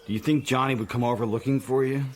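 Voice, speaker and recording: An actor playing Tom, a watchful, worldly man in a radio drama, speaking in a measured, guarded way. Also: medium pitch, fairly even intonation, a little hiss or hum, natural voice. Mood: reassuring, probing. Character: Tom, watchful worldly man sheltering a runaway, narrating his thoughts. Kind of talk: radio drama narration and dialogue. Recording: music under the voice.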